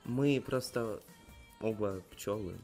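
A man's voice: on the low side, slow pace, darkish tone, soft background music. A man playing a suspect in game role-play, answering politely and hesitantly with many fillers. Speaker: player as a suspect.

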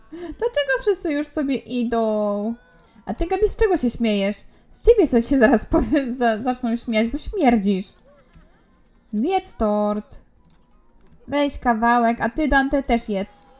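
A woman's voice: on the high side, darkish tone. A young woman giving casual let's-play commentary, chatting and bossing her game characters around with frequent laughs. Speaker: gaming YouTuber.

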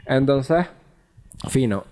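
A man's voice: mid-range voice, extremely slow. Profane young man telling a story. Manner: animated, profane, acts out quoted dialogue. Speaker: podcast co-host. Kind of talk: casual podcast storytelling.

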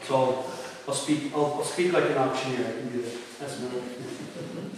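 A man's voice: mid-range voice, steady tone, moderate pace. A man, a deacon, teaching scripture to a parish group in an emphatic way, restating points and asking rhetorical questions. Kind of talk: church talk, teaching. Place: parish hall or church. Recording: roomy hall, distant mic, faint hiss.

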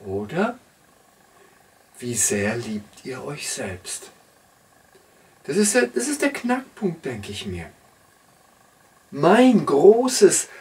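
A man giving a reflective sermon, slow and searching, often pausing to question himself. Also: high-pitched, darkish tone, recorded from a distance. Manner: slow, searching, with frequent pauses and self-questioning. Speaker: preacher.

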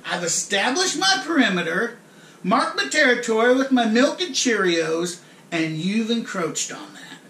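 A man's voice: high voice, sing-song, a little slow, bright, forceful tone, slight background noise, exaggerated voice. Man acting an aggrieved frat bro, intense, swooping monologue. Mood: aggrieved, incredulous. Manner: theatrical, indignant, emphatic. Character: aggrieved, exasperated frat bro confronting his housemate. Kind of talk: intense, dramatic audition monologue, comically overplayed. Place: home kitchen. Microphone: camera a few feet away. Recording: echoey room, distant microphone.

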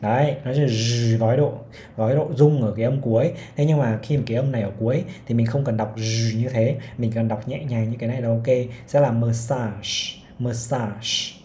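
A young man from Vietnam teaching English pronunciation, patiently repeating each sound and modeling words slowly. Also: mid-range voice, fairly even intonation, dark tone, roomy sound, slight background noise. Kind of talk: pronunciation lesson with slow modeled examples.

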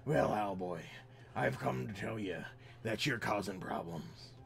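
Hammy old pirate captain, put on by a male streamer, slow growling drawl. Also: on the low side, creaky, fairly bright tone, a little hiss or hum, pitched below the performer's own voice. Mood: theatrical.

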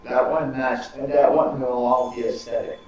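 A man's voice: medium pitch, little pitch movement, moderate pace, a little mellow, muffled recording. A man co-hosting a let's-play who chimes in with short, dry remarks. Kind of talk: casual gaming commentary. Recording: very echoey room, far from mic, faint hiss.

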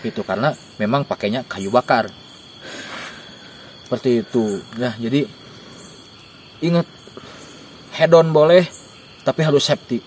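A young man giving joking, animated camping tips outdoors in a dark forest at night, recorded by a camera a few steps away. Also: mid-range voice, unhurried, long pauses, a little hiss or hum. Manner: joking, animated, gestures while talking. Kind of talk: casual outdoor interview. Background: faint insects and crickets.

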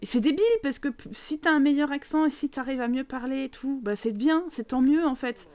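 A young French streamer with a high-pitched, brisk, darkish voice chats casually with her live chat while playing a life-simulation game. She rambles, using many fillers.

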